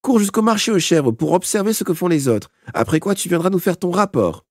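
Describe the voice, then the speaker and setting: A man's voice: high voice, very animated, a little fast, a little mellow, no echo, clean studio sound, pitched above the performer's own voice, exaggerated voice. A man doing a bossy, teasing boy. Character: bossy, mocking boy ringleader.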